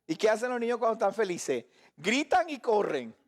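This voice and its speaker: High-voiced, animated male preacher. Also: normal speed. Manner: animated, acts out voices and shouts; jokes and laughs with listeners. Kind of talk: live Bible teaching.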